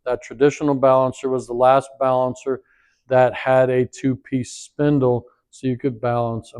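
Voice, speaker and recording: A man's voice: mid-range voice, darkish tone, smooth. A man giving a hands-on workshop demonstration, rambling and thinking aloud as he works, his voice drifting away from the mic. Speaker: equipment trainer.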